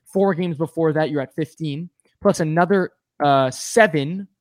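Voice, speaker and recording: A man's voice: a little high, measured pace, no echo, clean studio sound. A man co-hosting a sports podcast, chatty and jokey in casual conversation. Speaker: podcast co-host.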